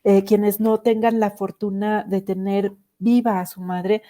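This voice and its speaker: A woman hosting a live stream, reflecting gently and reading viewer comments with frequent "este" fillers. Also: mid-range voice, little pitch movement, a little slow.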